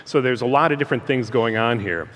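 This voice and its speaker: A man giving an informal public presentation through loud speakers, speaking in a halting, conversational way as a guest speaker. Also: mid-range voice. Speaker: guest speaker, transportation engineer. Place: large room, speaking through a PA system. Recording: hall reverb, amplified through loudspeakers.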